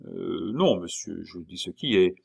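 A man's voice: low voice, animated, creaky, darkish tone, slightly rough, lo-fi sound, exaggerated voice. A man doing a fussy, fawning gate officer. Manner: apologetic, fussy, hurried. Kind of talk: audiobook character reading.

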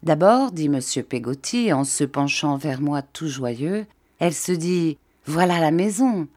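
A woman's voice: low voice, lively intonation, a little slow, a little mellow. A woman voicing a cheerful, cordial old fisherman who talks with open enthusiasm. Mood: hearty.

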